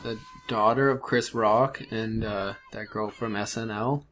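A young man co-hosting a podcast in an office, telling anecdotes and teasing his co-host in a relaxed way. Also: fairly low pitch, unhurried, slight background noise. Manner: laid-back, teasing anecdotal. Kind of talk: casual podcast chat and storytelling. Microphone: podcast mic.

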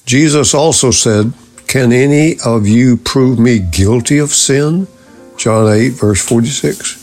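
A middle-aged man giving a scripted radio teaching on faith, measured and deliberate, citing scripture references. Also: medium pitch, darkish tone, soft background music.

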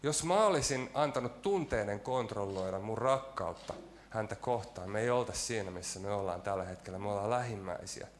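A man's voice: lowish voice, animated, a little hiss or hum. A man preaching a sermon in a church, telling a personal story with self-mocking jokes and frequent hesitant fillers.

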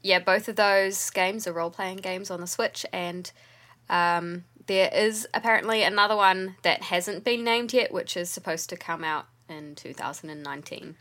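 A woman co-hosting a podcast in casual chat, sounding tired and speaking in a measured, agreeable way. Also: fairly low pitch, a bit bright. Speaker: podcast co-host, museum and university worker.

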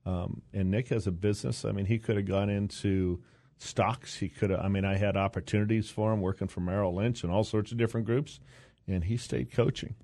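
A low-voiced older man speaks as a guest in a relaxed interview, close to the mic in a dry room. He wanders through his stories, full of fillers and restarts. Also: fairly quick, no echo. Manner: rambling storyteller, many fillers and restarts. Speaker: interview guest, university board president. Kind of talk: casual interview chat.

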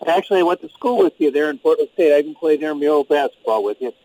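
A man's voice: fairly high pitch, expressive, very fast, a little mellow, low-quality recording. A retired man in his sixties from St. Louis, calling in to a radio show on speakerphone from outdoors in a swimming pool. He talks in a rambling, friendly way with lots of ums and you-knows. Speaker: radio call-in caller. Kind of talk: casual call-in chat.

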